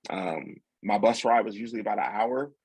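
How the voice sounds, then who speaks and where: A young man with a low, gravelly voice tells a story in a loose, rambling way, doubling back often. The tone is husky, and the sound is close and dry. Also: a little fast, no room sound, low-quality recording. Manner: relaxed, rambling with many fillers and restarts. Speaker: podcast guest. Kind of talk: casual storytelling.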